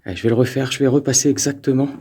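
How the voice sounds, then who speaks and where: A man with a mellow, dark voice and a mid-range pitch walks alone through an abandoned mountain fort, calling out to spirits. He stammers and repeats himself as excitement takes over. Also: rapid-fire, breathy edge. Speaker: paranormal investigator. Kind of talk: ghost-hunting vlog narration.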